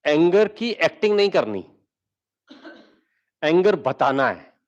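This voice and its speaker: A man with an Indian accent giving a spiritual talk to a live audience, slow and coaxing, asking listeners to repeat phrases. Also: on the high side, very animated, highs cut off. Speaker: spiritual speaker.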